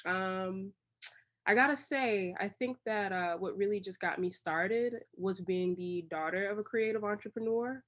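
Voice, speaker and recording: A creative director from Washington, D.C., is a guest in an interview, giving casual, long-winded answers full of rambling stories. Her voice is mid-range and unhurried, and the recording has its highs cut off.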